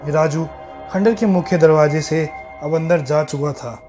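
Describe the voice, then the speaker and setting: A man narrating a horror story in a slow, suspenseful telling. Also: a little high, over music.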